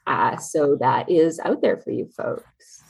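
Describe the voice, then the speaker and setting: A woman's voice: low-pitched, animated, takes it slowly, gravelly, a little mellow, husky. A woman podcast host chatting casually in a jokey, rambling way. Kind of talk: casual chat.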